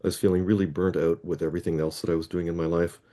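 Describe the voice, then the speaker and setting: This middle-aged Toronto man heads a Scrabble players association and appears as a guest in a casual interview. His deep, warm voice races along in a flat delivery as he tells a long anecdote, rephrasing himself mid-sentence.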